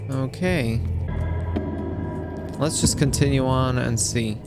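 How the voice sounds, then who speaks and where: A man's voice: mid-range voice, takes it slowly. A man casually commenting on a horror game as he plays, reacting aloud and reading on-screen text. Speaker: gameplay streamer. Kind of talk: casual let's-play commentary. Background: game music.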